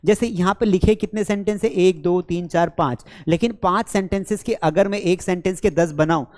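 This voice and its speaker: A man's voice: sits high, normal speed, darkish tone. A man teaches spoken English at a board in a classroom. He drills short sentence pairs aloud with energy and calls his students beta and bhai.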